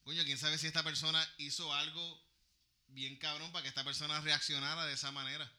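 A man muses out loud in a relaxed conversation. His voice is very bright and slightly high, and he restarts and repeats phrases as he works out his point. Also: fairly quick. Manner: thinking aloud, repeats himself. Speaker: podcast co-host. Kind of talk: casual chat, musing.

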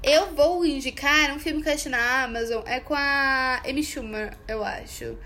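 A woman's voice: sits high, moderate pace, bright, forceful tone. A young woman co-hosting a casual chat, talking loosely with many fillers and acting out bits of dialogue. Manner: chatty, many fillers, acts out quoted dialogue. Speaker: podcast co-host. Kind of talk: casual chat, recommending a film.

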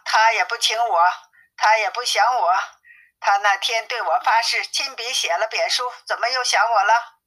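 A woman reading the lines of a proud, carefree male monkey king in an audiobook story, in a brisk, offhand manner. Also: a little high, pushed and bright, rough recording.

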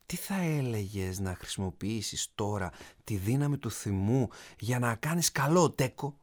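A man voicing a calm, encouraging father who speaks gently and playfully to his young son in a spoken story. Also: medium pitch, natural voice. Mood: reassuring.

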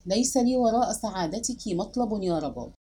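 A woman's voice: medium pitch, lively intonation, fast, dark tone, breathy edge. A woman voicing an anxious young husband who pleads earnestly with his wife. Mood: pleading.

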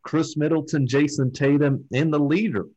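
A man's voice: fairly high pitch, fairly even intonation, moderate pace, darkish tone, dull audio. A man hosting a casual sports chat, who runs through team lists and puts questions to his co-hosts. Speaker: podcast host.

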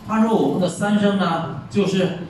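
A man teaching a Chinese class, explaining tones by slowly acting out example words. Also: high voice, a little mellow. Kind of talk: classroom lecture. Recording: echoey room, far mic, faint noise.

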